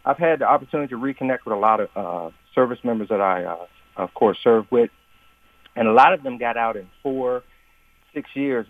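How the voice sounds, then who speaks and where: Halting male caller over a tinny phone line. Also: medium pitch, no room sound, distant mic. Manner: halting, with many fillers and restarts. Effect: heard over the phone. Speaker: caller, retired Marine. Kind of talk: call-in question on a radio talk show.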